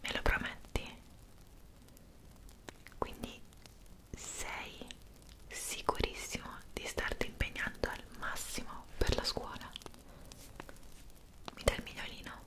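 A young woman voicing a kind, motherly Mrs Claus in an ASMR roleplay, whispering up close and coaxing with gentle questions. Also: slow pace, long pauses, natural voice, rough recording. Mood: caring. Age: young adult. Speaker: ASMR creator. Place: indoor room decorated for Christmas.

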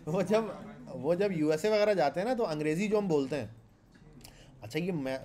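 A man with a Pakistani Urdu accent giving a classroom programming lecture in a conversational way, often asking the class questions and repeating his points. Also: high-pitched. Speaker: programming instructor. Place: classroom with students.

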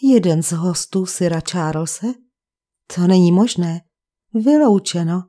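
A woman's voice: on the low side, animated, mellow. A woman reading the part of a kind-hearted vicar's wife who protests in shock and indignation.

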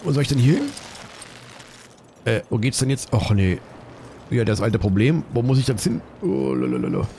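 A man commenting on his own gameplay, excitable, swearing and repeating panicked exclamations. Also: mid-range voice, moderate pace, vocal fry, long pauses, a little hiss or hum. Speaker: let's play gamer.

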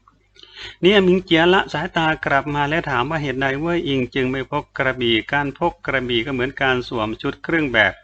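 Bright-voiced man reading a novel aloud. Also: mid-range voice, fast talker, few pauses. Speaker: audiobook narrator. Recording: slightly dull recording with faint hiss.

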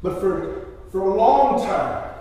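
A man's voice: high-pitched, takes it slowly, dark tone. A man preaching who voices a sick, poor old woman begging the tax collector for more days. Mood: pleading. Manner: pleading, rising emotion. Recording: echoey church hall from far off.

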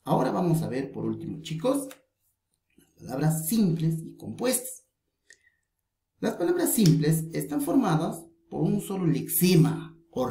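Slow, deliberate woman teacher, echoey room. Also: low voice, dark tone. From Peru. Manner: slow, deliberate explanation with stressed example words. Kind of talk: recorded online grammar lesson.

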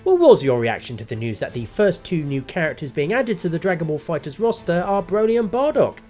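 A man's voice: on the high side, very animated, a little fast, mellow, soft background music. A man in his thirties hosting a gaming show, delivering scripted comic commentary in a wry, sardonic manner.

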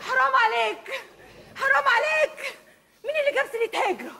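A woman's voice: very high-pitched, fairly quick, gravelly, sharp tone, exaggerated voice. An actress playing a bewildered, exasperated young woman customer in a live Egyptian stage comedy, protesting and snapping back. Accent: Egyptian Arabic. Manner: baffled protests, exasperated outbursts. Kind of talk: live stage sketch acting. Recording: live theater stage, long reverb, audience.

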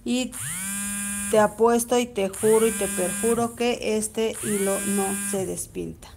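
A woman's voice: medium pitch, fairly even intonation, unhurried, vocal fry, background noise. A woman with a Mexican accent gives a chatty live-stream embroidery lesson, greeting viewers by name as she stitches. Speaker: embroidery teacher.

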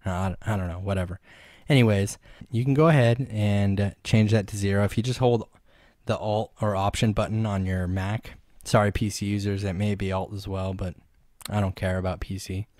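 Male tutorial host, low, casual and joking, dry close-miked sound. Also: steady tone, normal speed, a little mellow, dry recording. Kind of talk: screen-recorded software tutorial.

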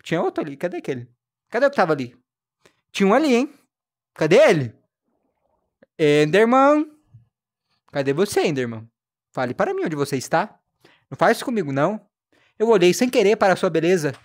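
A man's voice: high voice, sing-song, a little fast, long pauses. Playful man scolding game monsters. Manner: playful, scolds game creatures, mock-sad whining. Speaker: gaming livestreamer. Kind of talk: live gameplay commentary.

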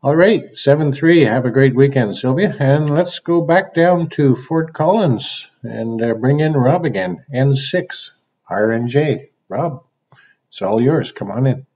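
A man's voice: medium pitch, expressive. A man running an amateur radio net, calling in stations on a thin shortwave radio signal that fades in and out. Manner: easygoing, reads out call signs slowly in phonetic alphabet. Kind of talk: on-air radio net check-ins. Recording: narrow phone-like radio audio.

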